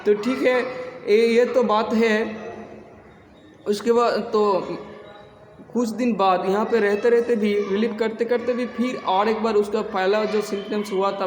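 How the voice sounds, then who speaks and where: A man teaching yoga in a casual, halting way, with many restarts and some throat clearing. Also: high voice, fairly even intonation, reverberant, big-room sound, slight background noise. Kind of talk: casual spoken instruction.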